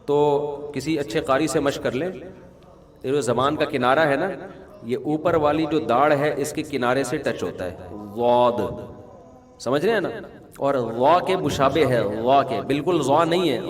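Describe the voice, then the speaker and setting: Male mufti, mid pitch, chatty Q&A style with jokes, long hall echo. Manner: conversational, humorous anecdotes, asks listeners if they follow. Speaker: mufti answering questions. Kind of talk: religious Q&A talk.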